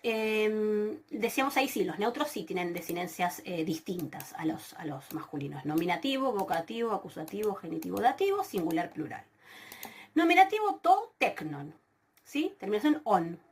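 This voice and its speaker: A woman giving a recorded grammar lesson over slides. She explains patiently, with frequent fillers and self-corrections. She slows down carefully whenever she spells out a form. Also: mid-range voice, very animated, a little hiss or hum. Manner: slows down to spell out Greek forms. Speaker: Greek teacher.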